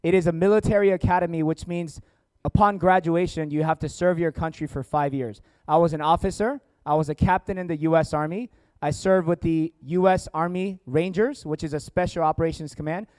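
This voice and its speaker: This man's voice is a little high and a little fast, steady, darkish and clean, with no room sound. Presenting informally as a jokey, engaging seminar host, he's a company founder and educator with an American accent, born in South Korea and raised in Atlanta, addressing families indoors and online viewers.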